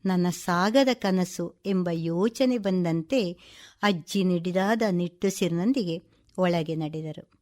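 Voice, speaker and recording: A woman reading a short story aloud for radio in a measured, expressive way. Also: medium pitch.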